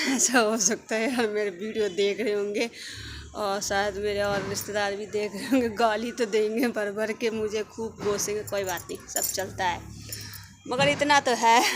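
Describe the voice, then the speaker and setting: A young woman vlogger speaks to her viewers in a frank, chatty way, giving her opinions plainly. Her voice sits a little high, and a faint hiss runs under the recording. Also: a bit bright. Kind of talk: casual vlog talk to viewers.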